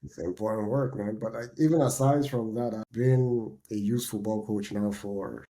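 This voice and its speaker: A man, co-hosting a podcast in a relaxed, chatty way. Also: fairly low pitch, moderate pace. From Nigeria. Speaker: podcast co-host. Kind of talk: casual chat.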